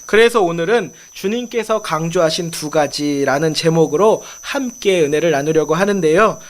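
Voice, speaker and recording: A male pastor preaching a Sunday sermon, putting questions to his congregation and reading scripture slowly with emphasis. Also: a little high. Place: church sanctuary.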